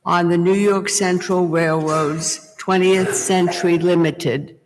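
An older woman preaching a sermon from a church pulpit, telling a story at a deliberate pace. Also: lowish voice, steady tone, noisy background. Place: small church, indoors, at a pulpit. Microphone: gooseneck pulpit mic. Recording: long church reverb. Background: reverberant church hall.

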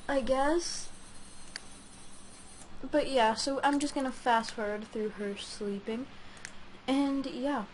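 A high-voiced woman with a sore throat chats through a video game. She talks slowly and hesitantly, rambling to herself. The home recording has clear background noise. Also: rough recording. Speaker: gaming host. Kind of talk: casual let's play commentary.

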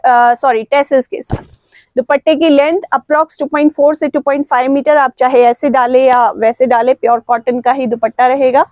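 A woman's voice: high voice, darkish tone, no echo. A woman from Uttarakhand chattily presenting clothing for sale, mixing Hindi and English with frequent fillers. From Uttarakhand, India. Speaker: clothing seller. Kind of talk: product showcase.

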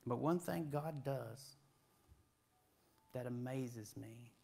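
A man's voice: medium pitch, slow, creaky, dark tone, slightly rough. A man, preaching a sermon in a folksy, conversational way with rising emphatic questions, in a church sanctuary on a lapel mic. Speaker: guest preacher.

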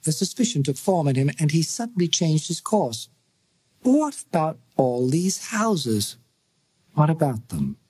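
A British man reading a novel aloud in measured, dramatic storytelling. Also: a little high, sing-song, warm tone, breathy edge, no room sound. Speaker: audiobook narrator. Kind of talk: scripted narration.

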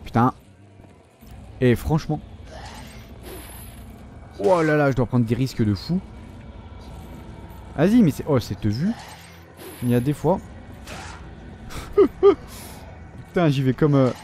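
A young man giving joking, foul-mouthed commentary while playing a video game, often shouting at enemies. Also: medium pitch, expressive, slow, pauses often, faint music behind. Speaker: gaming video host. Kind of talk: casual let's-play commentary.

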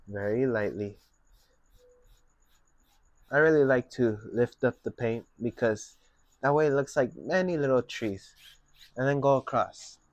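Young man, painting instructor, slow unhurried speech, dry close sound, calm step-by-step talk. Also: mid-range voice, no echo. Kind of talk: painting tutorial.

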